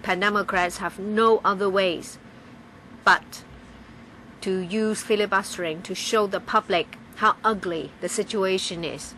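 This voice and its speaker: A woman giving live interpretation of a legislative debate, halting, with frequent pauses and restarts. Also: medium pitch, steady tone, pushed and bright, a little hiss or hum, low-quality recording. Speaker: simultaneous interpreter.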